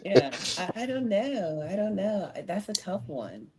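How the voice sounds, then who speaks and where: Woman, 30s, ex-wrestler guest; candid, outspoken, laughs easily, mid-pitched voice. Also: sing-song, unhurried, a little mellow. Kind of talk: casual interview chat.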